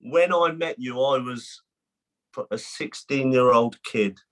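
A man, a boxer talking as a podcast guest in a halting way full of restarts. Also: medium pitch. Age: 20s. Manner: halting, many restarts and fillers. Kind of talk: casual podcast chat.

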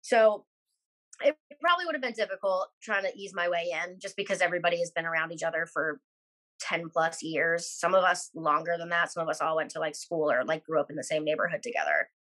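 A woman's voice: fairly low pitch, fairly quick, a bit bright, low-quality recording. A woman in her late twenties from Philadelphia, chatting casually as a podcast guest in a rambling way with lots of fillers. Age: 20s. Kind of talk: casual chat.

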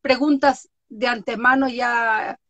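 A woman's voice: fairly high pitch, takes it slowly, crowd noise. A woman who hosts online interviews, chatting casually and acting out quoted voices as she tells stories. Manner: animated storyteller, acts out quotes with laughs. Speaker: interviewer on social media. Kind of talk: casual conversation.

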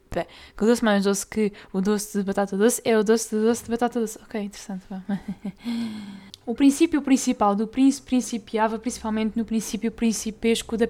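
A young woman with a European Portuguese accent, hosting a casual solo podcast, talking fast and tripping over tongue twisters. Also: mid-range voice, dark tone. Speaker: podcast host.

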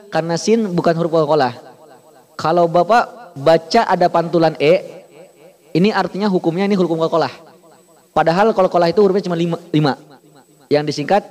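Man, high voice, patient Quran recitation teacher correcting his students. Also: a little mellow. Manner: patient, demonstrates sounds slowly and corrects.

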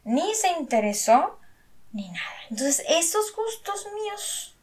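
A woman's voice: sits high, big pitch swings. A young woman with a Mexican Spanish accent telling a personal story in a casual chat. She talks in slang, swears freely and acts out what people said. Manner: slangy and profane, quick to swear.

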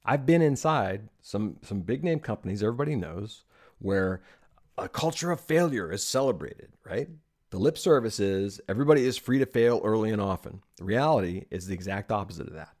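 Emphatic low-voiced man giving advice. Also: lively intonation, a little fast, a little mellow. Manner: emphatic, advice-giving, checks in with "okay?" and "right?". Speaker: podcast guest, UX consultant. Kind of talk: casual podcast conversation.

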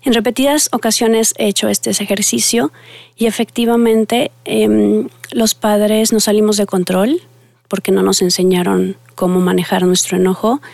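Speaking straight to her audience, a middle-aged woman who works as a family therapist shares stories with real earnestness. She has a mid-range, creaky, slightly mellow voice, with no room sound.

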